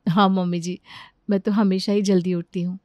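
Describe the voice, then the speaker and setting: A woman's voice: mid-range voice, flat delivery, normal speed, darkish tone, no echo, studio quality, close to an everyday voice. Woman doing a chirpy young daughter-in-law.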